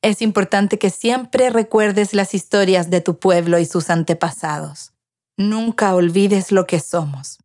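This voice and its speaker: A woman voicing a stubborn old grandmother who speaks slowly, low and steady, tired but firm. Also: dry recording, studio quality, close to an everyday voice. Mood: calm, firm.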